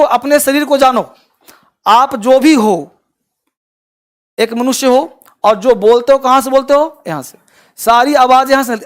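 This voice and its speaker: Man teaching in Hindi. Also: very high-pitched. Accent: Bhojpuri-region Hindi. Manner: asks the class questions and answers them himself; mixes English terms into his teaching. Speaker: English teacher. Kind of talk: live online class.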